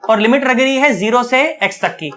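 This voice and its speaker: A man's voice: extremely high pitch, lively intonation, brisk, a bit bright. A male physics teacher giving an online video lecture, chatty and coaxing, often checking that students follow, earnest and affectionate toward them.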